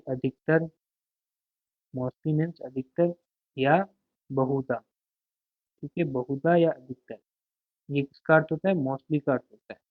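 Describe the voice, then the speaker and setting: A man with a fairly high voice teaches a vocabulary lesson. He asks a question, answers it himself and drills each word over and over. The sound is thin and phone-like, with a dry, close feel. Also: dry recording. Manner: asks a question, then answers it, repeating words.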